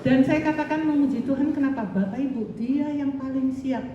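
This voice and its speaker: A woman's voice: sits high, moderate pace, noisy background. Echoey woman pastor preaching from afar. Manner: chatty, anecdotal preaching with quoted voices. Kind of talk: sermon. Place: church hall. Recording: echoey hall from far off, dull.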